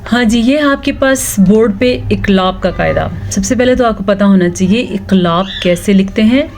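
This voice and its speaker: A woman teaching Quran recitation rules, reciting verses slowly and drawn out, then explaining each rule. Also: medium pitch, a little mellow, slight background noise. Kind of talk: slow recitation lesson with explanations.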